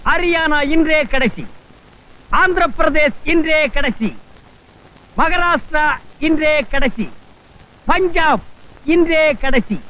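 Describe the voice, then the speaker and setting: A man's voice: extremely high pitch, slow pace, pauses often, exaggerated voice. An actor playing a broke, bitter man selling lottery tickets, scolding and mocking everyone around him. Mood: hawking. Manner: scolding, sharp-tongued, mocking. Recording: dull lo-fi film soundtrack.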